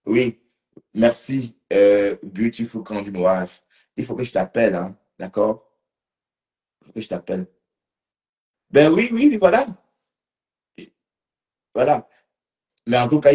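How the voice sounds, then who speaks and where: A man's voice: fairly low pitch, unhurried, pauses often, dark tone. A man a bit tipsy, rambling casually on a live stream and talking to commenters by name. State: slightly tipsy.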